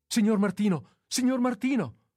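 A young nurse, anxious and bustling, who calls out high and loud, as a male narrator puts her on. The lines come from a storybook read aloud, in a dry and close sound. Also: fairly quick, dry recording, lightly acted. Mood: alarmed. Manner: high, raised voice with sharp calls.

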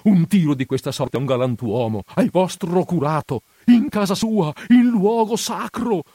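A man reading aloud voices a timid, frightened middle-aged village priest who pleads in a high, quavering voice and drags out his words. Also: animated, slow pace, dark tone, no echo, exaggerated voice. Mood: indignant scolding.

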